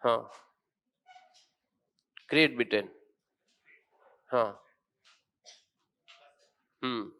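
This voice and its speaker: A man's voice: mid-range voice, very slow, pauses often, sharp tone, smooth. A male teacher giving a geography lesson in a classroom, quizzing students and then explaining points firmly.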